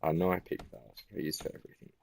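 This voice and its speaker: A tired man giving casual gameplay commentary in a flat, musing way. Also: deep voice, rapid-fire, creaky, a little hiss or hum. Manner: self-described monotone, relaxed and musing.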